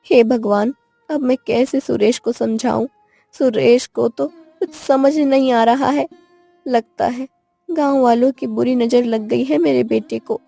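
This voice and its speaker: A woman voicing an anxious, grieving old village mother in an animated story, in a gravelly voice. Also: a little high, unhurried, no room sound, faint music behind. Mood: worried. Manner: anxious, pleading.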